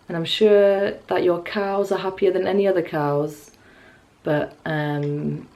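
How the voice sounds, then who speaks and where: A woman in her 20s from the Newcastle area of north-east England vlogs from a small furnished bedroom at home, chatting to camera in a casual, rambling, hesitant way that's wry and musing. Her voice is mid-range with a dark tone.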